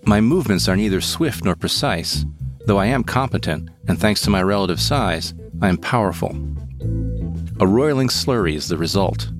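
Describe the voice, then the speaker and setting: A man reading a first-person story in a calm, measured way. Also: fairly low pitch. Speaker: narrator. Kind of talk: scripted first-person narration. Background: guitar music.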